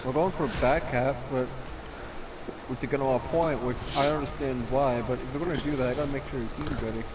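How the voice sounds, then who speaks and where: A man casting a live esports match, animated and chatty with lots of filler words. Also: medium pitch, a little fast. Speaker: esports caster. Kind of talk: live game commentary. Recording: background noise.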